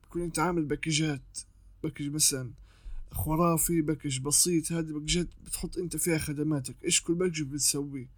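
A man talks quickly and casually, walking the listener through advice step by step and often restarting his sentences. His voice sits a little high, and the recording is dry and close, with no room sound. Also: steady tone, no room sound. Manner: chatty, explains step by step with frequent restarts. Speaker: artist giving freelancing advice.

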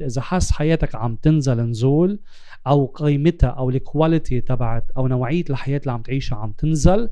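Hosting a reflective interview like a life coach, a man with a Lebanese Arabic accent slips English words into his Arabic and repeats himself for emphasis. He has a warm, medium-pitched voice in a dry recording.

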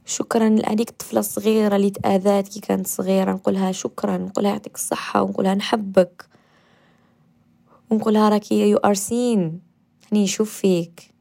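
A woman with an Algerian Arabic accent hosts a radio segment of guided meditation and self-affirmation, gentle and coaxing in manner. She repeats affirmations and at times sinks into a soft whisper. Her mid-range voice holds a level tone, moves at a quick pace, and carries vocal fry.

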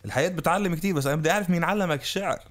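A man's voice: fairly high pitch, rapid-fire. A man with a Levantine Arabic accent, hosting a morning radio show with casual banter and questions. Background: music.

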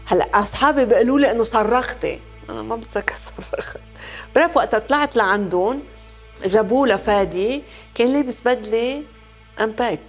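A Lebanese-accented woman giving personal testimony in a conversational way, dropping French phrases into her speech. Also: medium pitch. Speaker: interviewee recalling war experience.

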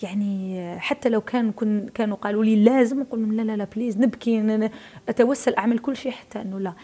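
Fast-talking Algerian woman, emphatic. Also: mid-range voice, dark tone. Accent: Algerian Arabic. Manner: emphatic, repeats words for stress. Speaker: guest, media personality. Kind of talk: casual interview talk.

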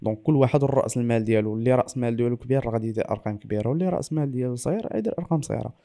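A man's voice: mid-range voice, racing, gravelly, mellow. A man with a Moroccan Arabic accent, explaining as an interview guest and mixing in French and English loanwords.

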